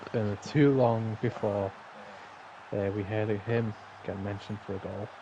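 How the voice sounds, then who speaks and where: A man's voice: lowish voice, steady tone, unhurried, lo-fi sound, background noise. A man chatting while gaming, giving mock-dramatic commentary on a match. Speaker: streamer playing with friends. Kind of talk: casual chat while gaming.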